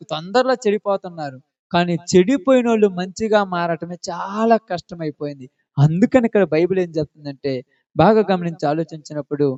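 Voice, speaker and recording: Man, pastor, conversational sermon, high voice, muffled low-fidelity audio, rhetorical questions, repeats points. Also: no room sound. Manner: addresses listeners directly and familiarly. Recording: dull lo-fi recording.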